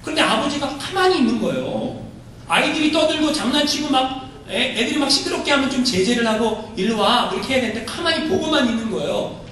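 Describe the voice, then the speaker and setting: A male pastor with a very high voice preaches a sermon with lively, rising and falling pitch. He keeps putting rhetorical questions to his congregation. His words ring around a big church hall, caught from a distance over a faint low rumble. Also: fast talker. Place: church sanctuary.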